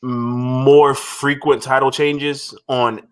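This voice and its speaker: A man's voice: mid-range voice, little pitch movement, drawn-out words. A man co-hosting a casual wrestling recap podcast, rambling through his opinions with frequent restarts and swearing. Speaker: podcast co-host.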